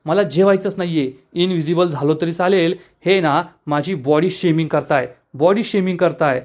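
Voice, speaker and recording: A man's voice: fairly high pitch, moderate pace, darkish tone, close to an everyday voice. A man voicing a thin, touchy young man who sulks and complains, in an episode recap. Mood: sulking. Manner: whiny, sulking complaints.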